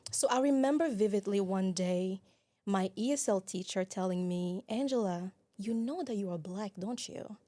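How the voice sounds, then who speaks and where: Mellow-voiced woman telling her story. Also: mid-range voice, moderate pace. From Democratic Republic of Congo. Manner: earnest, reflective. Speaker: guest, program director. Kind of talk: personal storytelling in interview.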